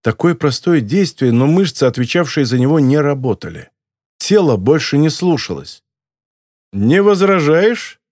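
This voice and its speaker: A man narrating an audiobook in an even, measured storytelling voice. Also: mid-range voice, dry recording, clean studio sound. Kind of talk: scripted narration.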